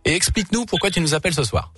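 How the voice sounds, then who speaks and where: A man's voice: high-pitched, expressive, very fast, a bit bright, slightly rough, dry recording, faint music behind. A young man hosting a late-night call-in radio show from a studio, joking and teasing the callers. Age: young adult. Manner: teasing, jokey, talks over callers. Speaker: radio host. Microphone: studio microphone.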